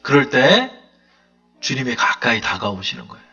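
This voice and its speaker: A man's voice: medium pitch, huge pitch swings, moderate pace, bright, forceful tone, breathy edge, muffled recording. A man preaching a sermon as pastor, fervently acting out prayers in a raised voice.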